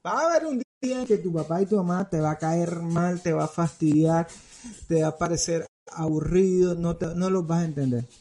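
A man's voice: fairly high pitch, fairly even intonation, normal speed, dark tone. A man preaching a sermon, repeating his points emphatically and speaking straight to parents and teens. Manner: repetitive, emphatic, addresses listeners directly.

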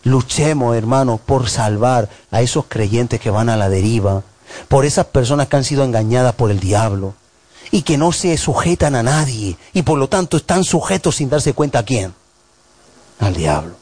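A male pastor delivering a sermon in an animated way, acting out voices and piling up emphatic lists. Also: mid-range voice, moderate pace.

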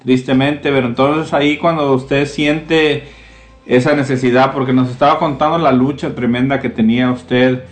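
A man's voice: mid-range voice, fairly even intonation, moderate pace. A man hosting a religious radio show, reflecting back on his guest's story in an affirming way. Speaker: radio host. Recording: echoey room, faint music.

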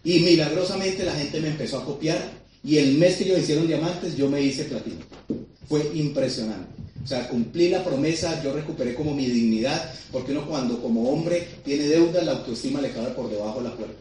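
Excitable man in an echoey hall. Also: a little high, a little hiss or hum. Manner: fast, excitable storytelling with audience questions. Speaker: motivational speaker at a sales seminar. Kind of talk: storytelling seminar talk. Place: large seminar hall. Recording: very echoey hall, mic at a distance.

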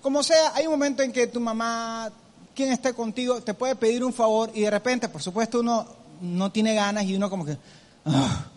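High-voiced preacher in a hall. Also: male voice, fairly even intonation, a little fast. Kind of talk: sermon.

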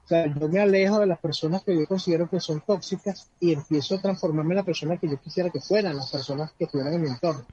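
With a fairly high, dark, slightly rough voice, a man races along with few pauses as a guest speaker on personal growth, giving heartfelt, casual advice and repeating words while searching for them. There's no room sound, though the recording is dull lo-fi with faint background noise.

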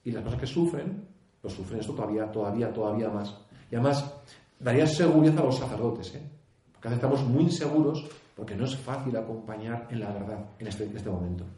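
Castilian priest, conference speaker; earnest, halting restarts, mellow tone, echoey hall. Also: male voice, mid-range voice. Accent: Castilian Spanish. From Spain. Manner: earnest, frequent restarts, rhetorical questions and tag "¿eh?". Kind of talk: conference talk.

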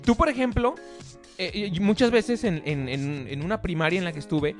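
A man's voice: sits high, moderate pace, soft background music. A man with a Mexican accent, co-hosting a radio show in casual banter, joking and acting out his parents' voices. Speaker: radio co-host.

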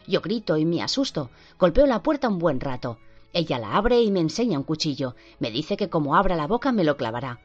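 Un niño asustado y maltratado, leído por una mujer. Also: female voice, low voice, big pitch swings, brisk, a little mellow. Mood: fearful. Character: frightened abused young boy recounting. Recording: dull lo-fi with faint music.

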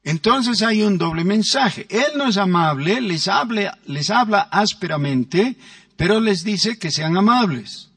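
A man's voice: high voice, expressive, fairly bright tone, dry recording, far from the mic. A man preaching a sermon as pastor, stressing words and acting out quoted voices. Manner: emphatic, drawn-out words with acted quotes.

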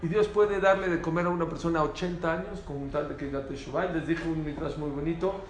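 A man with a fairly high voice teaches a small group, animated and full of rhetorical questions. The sound is roomy, with a faint hum of noise behind him. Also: fast talker. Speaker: Torah teacher. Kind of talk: lively spoken Torah class.

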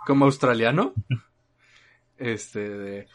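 A man with a Mexican accent chatting casually. He rambles, uses frequent fillers and lets his sentences trail off softly. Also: mid-range voice, slow pace. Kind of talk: casual chat.

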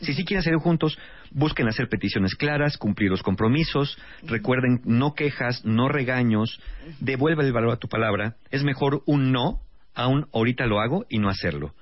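A man's voice: mid-range voice, moderate pace, no room sound. A man with a Mexican accent co-hosting a radio talk show, giving emphatic relationship advice. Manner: emphatic, lecturing. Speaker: radio co-host, relationship advisor. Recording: slightly muffled radio broadcast.

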